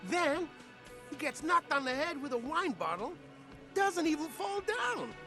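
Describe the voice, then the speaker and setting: An actor playing a crude, excitable male dockworker in a video game. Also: very high voice, unhurried, faint music behind, exaggerated voice. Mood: agitated. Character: agitated male dockworker barfly storyteller.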